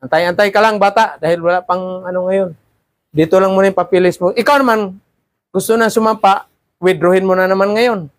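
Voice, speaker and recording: A man's voice: high-pitched, fairly even intonation, fairly quick, no echo. A man teaching a class of seafarer trainees, lecturing and often checking in with "ha?" and "di ba?". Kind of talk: classroom talk.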